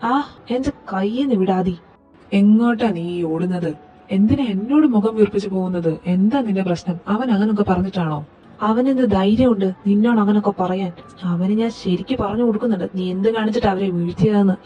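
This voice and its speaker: A woman performing every role in a fan audio drama, in a lively, teasing and quarrelsome way. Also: mid-range voice, brisk, slightly rough, dull audio, soft background music. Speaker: voice actor reading all parts.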